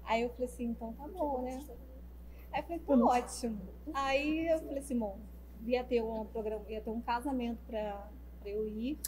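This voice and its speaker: Young woman with a high, mellow voice. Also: normal speed, a little hiss or hum, low-quality recording. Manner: animated, acts out the dialogue, many fillers like "né". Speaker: guest telling how she met her partner. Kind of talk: casual storytelling.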